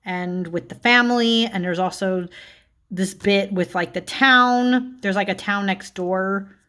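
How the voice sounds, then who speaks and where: A woman vlogger giving a casual, chatty book review, full of filler words and quick self-corrections. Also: medium pitch, sharp tone.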